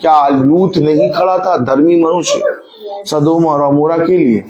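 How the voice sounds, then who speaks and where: A man's voice: fairly high pitch, big pitch swings, unhurried, darkish tone, highs cut off. A male preacher delivering a sermon, repeatedly putting rhetorical questions to his congregation and drawing call-and-response answers.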